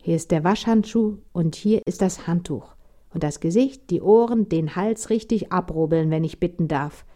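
Eine Frau, die eine strenge, nörgelnde Mutter spricht, schrill und vorwurfsvoll. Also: female voice, normal speed, mellow, lightly acted. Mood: nagging. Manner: shrill, nagging, scolding. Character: strict nagging mother, sharp and disapproving.

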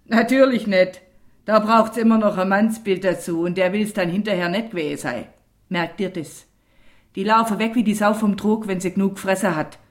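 A woman's voice: low-pitched, expressive, fairly quick, few pauses. A woman reading an audiobook and voicing a bitter, weary rural mother who scolds sharply. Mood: bitter scolding. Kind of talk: audiobook character voice.

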